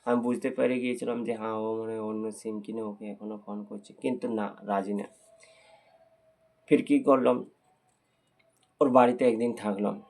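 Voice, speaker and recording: A man's voice: lowish voice, steady tone, normal speed, pauses often, darkish tone. A young man telling viewers a personal story in a heartfelt, repetitive way. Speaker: vlogger.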